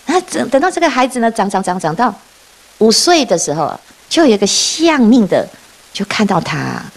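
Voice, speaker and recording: Lively woman preaching. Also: on the high side, normal speed. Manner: lively storytelling, often laughing and asking rhetorical questions. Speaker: Buddhist nun teaching. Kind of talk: dharma talk to a class.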